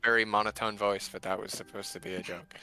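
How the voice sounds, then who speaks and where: Gravelly, bright-voiced male game master. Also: fairly low pitch, level tone, fast talker. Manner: rambling, self-correcting explanations. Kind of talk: running a tabletop game.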